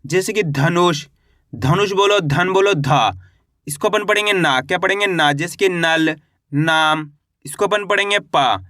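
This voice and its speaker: Male teacher, high and bright, dry close sound; quizzes himself, then stretches each syllable for beginners. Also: no room sound. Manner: asks and answers his own questions; drawn-out syllable sounds for pronunciation. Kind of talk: beginner alphabet lesson.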